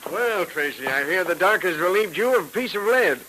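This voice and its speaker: An actor in old radio drama style playing a brisk, matter-of-fact police department expert. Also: male voice, high-pitched, animated, pushed and bright, slight background noise, rough recording. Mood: breezy. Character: businesslike police helpers, doctor and ballistics expert. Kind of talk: 1940s radio drama acting. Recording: vintage radio recording.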